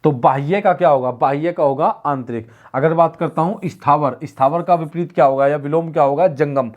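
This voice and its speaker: A man's voice: a little high, a little fast, highs cut off. A man teaching an online exam-prep Hindi class, who keeps asking questions and repeating the answers so students can follow.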